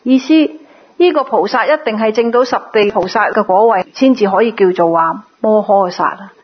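A woman teaching a Buddhist sutra in a sermon, explaining patiently and now and then mimicking others in a lively voice. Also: mid-range voice, moderate pace, husky, lo-fi sound.

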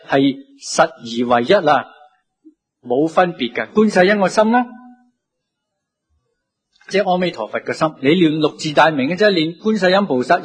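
A man with a Cantonese accent giving a Buddhist sermon, telling it lively with many drawn-out sentence endings. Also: fairly high pitch, husky. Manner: lively storytelling with many sentence-final particles. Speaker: Buddhist teacher.

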